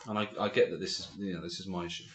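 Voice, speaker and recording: A man in his forties from England, co-hosting a podcast and telling stories in a casual, animated way with lots of fillers. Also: deep voice, rapid-fire, reverberant, a little hiss or hum. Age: 40s. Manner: animated storytelling, many fillers and restarts. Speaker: podcast co-host. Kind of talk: casual chat.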